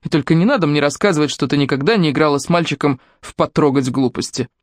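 A woman's voice: sits low, fast talker, dry recording, close to an everyday voice. A woman voicing an abusive middle-aged stepfather in an audiobook, speaking in a sweet, wheedling voice that turns threatening. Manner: wheedling, honeyed voice turning to threatening shouts.

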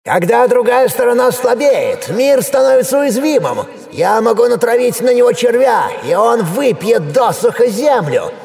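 A man voicing an unseen, gloating male enemy with a thunderous, creaky voice that talks slowly and mockingly. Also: extremely high pitch, very animated, darkish tone, in a large hall, pitched above the performer's own voice, exaggerated voice.

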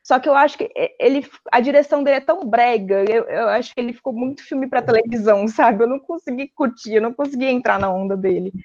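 A Brazilian woman with a fairly high voice talks in a casual roundtable, animated and opinionated. Her audio is dull and lo-fi. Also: quick pace, few pauses. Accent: Brazilian Portuguese. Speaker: panelist.

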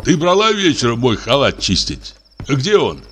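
A man's voice: mid-range voice, wildly swooping pitch, normal speed, fairly bright tone, husky, exaggerated voice. A man voicing a drowsy, grumbling assistant prosecutor who brushes off his wife's fears. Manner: drowsy, grumpy and dismissive. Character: sleepy, grumbling male assistant prosecutor, middle-aged.

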